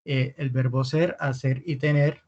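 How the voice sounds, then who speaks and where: A man teaching an online language lesson, patiently repeating words slowly for his students. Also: mid-range voice, little pitch movement, darkish tone, dull audio. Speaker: Spanish teacher.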